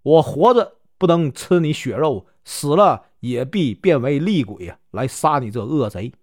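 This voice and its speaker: A defiant old general, captured and raging, hurls curses at his enemy in a raised, high-pitched voice, as a man acts him out. The delivery is dry and close. Every line rings with stubborn pride. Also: expressive, a little slow, no room sound. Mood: defiant fury. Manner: shouting curses.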